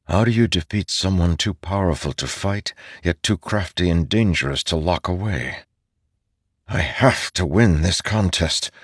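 A man plays a battle-hardened warlord in an audiobook, pressing his point with forceful, urgent questions. The voice sits deep and low, and the recording is dry. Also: unhurried, husky, no echo. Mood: troubled.

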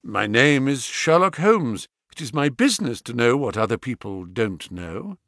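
A man voicing a shrewd detective who speaks blandly and calmly. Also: medium pitch, no room sound, studio quality. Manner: bland, quiet, measured.

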